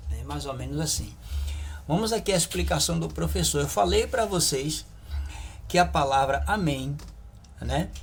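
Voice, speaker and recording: A man teaching a Bible lesson in a slow video, patiently pointing at a slide and checking in with his listeners. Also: medium pitch, slightly rough.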